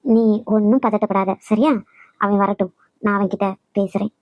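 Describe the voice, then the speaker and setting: A woman voicing a kind middle-aged mother-in-law who reassures her daughter-in-law and gently scolds her son in a cartoon. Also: mid-range voice, fairly even intonation, normal speed, no room sound, dull audio, voice pushed down, natural voice. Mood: soothing.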